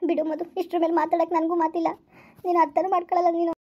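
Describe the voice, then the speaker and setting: A woman's voice: extremely high pitch, level tone, quick pace, dark tone, lo-fi sound. A young woman in a scripted family drama, pleading and hurt, repeatedly begging her husband to understand her. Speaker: wife in a family skit.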